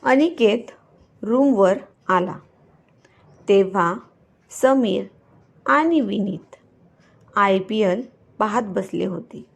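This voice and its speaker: Brief: a deliberate woman storyteller reading a mystery, slow with a gravelly edge. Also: medium pitch, animated. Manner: measured, deliberate narration.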